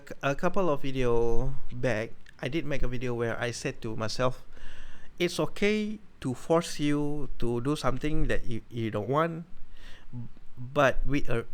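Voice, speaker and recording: Rambling young man telling his story. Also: medium pitch. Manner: rambling, self-correcting, restarts often. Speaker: vlogger. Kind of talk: personal storytelling vlog.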